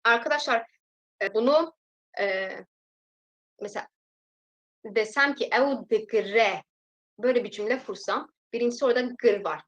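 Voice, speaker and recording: A young adult woman giving a recorded language lesson, patiently explaining grammar and repeating example sentences slowly. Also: a little high, rough recording. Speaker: language teacher.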